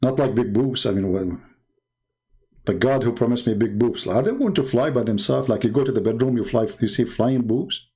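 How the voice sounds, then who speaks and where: Dark and husky, at medium pitch and normal speed, the voice belongs to a religious apologist hosting a relaxed live stream. He comes from the Middle East, speaks Arabic natively and carries an Arabic accent, and his style is mocking and sarcastic, full of emphatic repetition.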